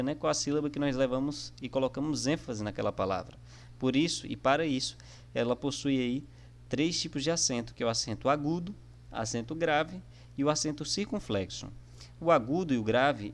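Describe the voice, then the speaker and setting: A man giving a casual online lesson, explaining things step by step and checking in with his viewers often. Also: mid-range voice. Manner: friendly, repetitive, with frequent "né?" and "tá?" fillers. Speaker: online teacher of biblical Greek.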